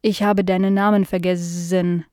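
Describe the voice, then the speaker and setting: A woman voicing a forgetful, slow-witted male house fly who draws out his words, in a children's audio story. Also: on the low side, flat delivery, a little mellow, dry recording, clean studio sound, natural voice. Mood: puzzled. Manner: very slow, drawn-out, puzzled.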